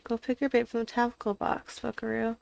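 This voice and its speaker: A woman's voice: a little high, little pitch movement, brisk, creaky, a little mellow. A woman voicing a kindly, folksy, reflective old fisherman from a story game. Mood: teasing, fond.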